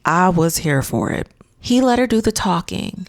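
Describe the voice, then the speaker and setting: A woman's voice: lowish voice, expressive, moderate pace, dry recording, studio quality. A woman hosting a casual reality show recap vlog, talking in an emphatic, dramatic way.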